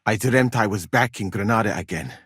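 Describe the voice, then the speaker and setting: A courteous Malian scholar for a video game. His voice is slightly low and husky, recorded very dry. He speaks in formal, theatrical phrases with wry politeness. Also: fairly quick, a bit bright, dry recording. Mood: warm, wry. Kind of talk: game voice lines, expressive acting.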